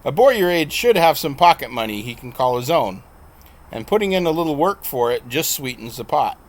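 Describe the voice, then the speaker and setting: A man's voice: fairly high pitch, big pitch swings, brisk. A man putting on a jovial old farm grandma. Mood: folksy. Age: older. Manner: country-style, teasing, matter-of-fact.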